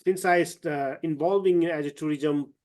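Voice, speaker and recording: A man from eastern Nepal, a trekking guide, talks on a video call in a slightly high voice. He speaks haltingly, full of fillers and restarts. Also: fairly even intonation, darkish tone. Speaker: trekking guide and company owner. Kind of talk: online webinar talk.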